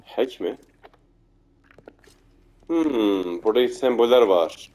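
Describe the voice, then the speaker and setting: A man's voice: medium pitch, expressive, slow pace. Man muttering through a game playthrough. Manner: mutters to himself, turns frantic and shouty when chased. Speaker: gameplay commentator. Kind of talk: casual let's play commentary.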